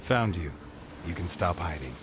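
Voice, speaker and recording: Very deep, gruff monster hunter. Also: male voice, moderate pace, noisy background. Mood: dry, firm. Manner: terse, restrained, even. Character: stoic monster hunter, gruff grown man, gentle with children. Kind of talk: video game voice acting.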